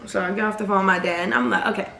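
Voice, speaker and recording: A young woman tells a story to camera in an animated, chatty way, full of slang. Her voice sits at a middle pitch and echoes around the room. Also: racing, vocal fry. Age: young adult. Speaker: vlogger. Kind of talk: casual storytime. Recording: roomy echo.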